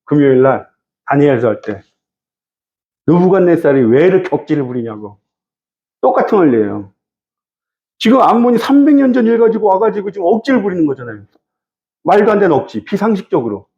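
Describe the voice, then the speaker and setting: Male pastor, conversational sermon, high voice with swooping pitch. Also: big pitch swings, a little fast, pauses often, dark tone, highs cut off. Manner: conversational, addresses the congregation directly; teaches verse by verse. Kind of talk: Wednesday evening sermon.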